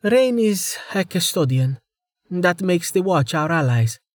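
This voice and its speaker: A man doing a blunt young adventurer woman from a storybook, raised well above his own pitch. She is sharp and impatient, heard dry and close. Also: sing-song, measured pace, no echo. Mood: tense.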